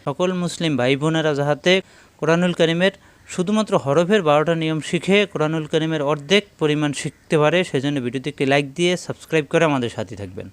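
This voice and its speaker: A man teaching a Quran reading lesson, counting through the rules and slowly repeating each letter sound. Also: fairly high pitch, smooth, dry recording. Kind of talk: step-by-step recitation lesson.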